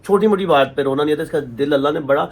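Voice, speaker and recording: A man, chatting and teasing playfully as co-host of a family vlog. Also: rapid-fire. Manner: playful, teasing, jumpy in pitch. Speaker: co-host husband. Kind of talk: casual chat.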